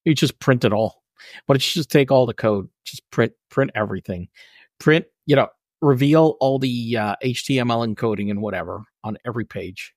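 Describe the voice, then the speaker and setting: A man's voice: mid-range voice, moderate pace, a little mellow, dry recording, studio quality. Teasing man in casual podcast chat. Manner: joking, teasing, offhand. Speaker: podcast co-host.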